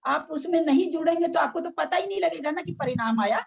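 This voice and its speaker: A woman's voice: sits high, lively intonation, fast talker, gravelly, highs cut off. A middle-aged woman leading a casual spiritual discussion, frank and argumentative, full of rhetorical questions. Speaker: religious discussion leader.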